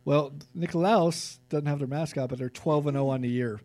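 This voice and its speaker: Relaxed Californian man reading football stats. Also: on the high side, moderate pace, dry recording. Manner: reads stats, relaxed and conversational. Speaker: sports podcast co-host. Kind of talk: casual sports chat.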